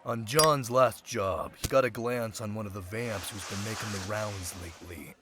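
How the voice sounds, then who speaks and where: Over loud crowd chatter, a man with a lowish, steady, natural-sounding voice plays a sly thief of several centuries turned security specialist in an audio roleplay drama. He talks at a moderate pace in a casual, teasing way that feels businesslike and confiding. The background noise is heavy.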